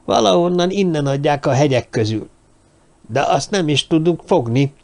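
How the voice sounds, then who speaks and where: A man's voice: on the high side, vocal fry. A man voicing an eager, self-important dwarf who spreads news. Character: young dwarf man, know-it-all and gossipy.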